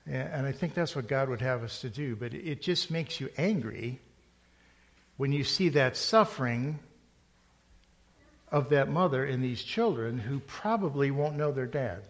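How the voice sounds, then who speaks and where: A man's voice: medium pitch, animated, a little slow. Middle-aged pastor guy giving a sermon, chatty storytelling then emphatic, church room with long echo. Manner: conversational storytelling, rising to emphatic points. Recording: long hall reverb.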